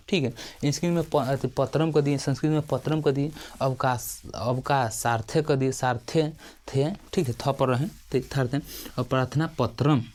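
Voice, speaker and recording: A man with a Bihari accent, teaching in a tired state late at night, speaking slowly and softly as he dictates a letter format and keeps checking in with "okay". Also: a little high.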